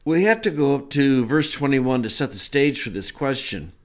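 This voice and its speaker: A man teaching a Bible lesson in a relaxed, conversational way, with small asides as he explains. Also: mid-range voice, normal speed.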